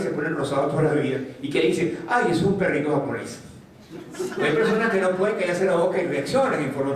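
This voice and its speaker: Man giving an animated talk in an echoey room. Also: high voice. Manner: animated, asks the audience questions, acts out quotes. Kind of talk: motivational talk to an audience. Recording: distant mic in an echoey room.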